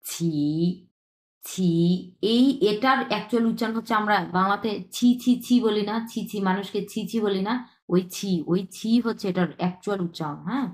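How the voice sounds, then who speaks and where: A woman teaching a recorded language lesson at a middle pitch. She says each word slowly two or three times and keeps checking in with her listeners. The room around her sounds echoey. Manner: repeats words slowly, checks in with "হ্যাঁ?".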